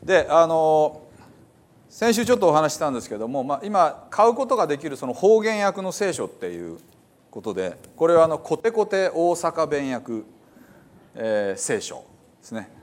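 A man, a pastor, chats casually with his congregation, amused by what he is telling them. His pitch moves freely up and down. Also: big pitch swings, moderate pace. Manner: chatty, amused, reads quotes with a laugh.

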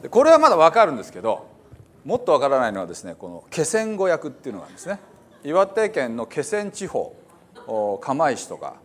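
A man, a pastor, chats casually with his congregation, amused by what he is telling them. His pitch moves freely up and down. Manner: chatty, amused, reads quotes with a laugh.

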